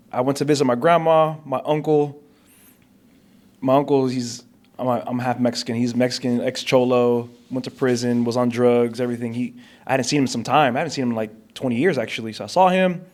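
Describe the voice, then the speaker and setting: A man's voice: medium pitch, a little mellow. A man speaking as a podcast guest, telling his story openly and bluntly, often saying "man". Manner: open and blunt, sprinkles "man". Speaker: guest, coach and public speaker. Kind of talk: candid interview storytelling.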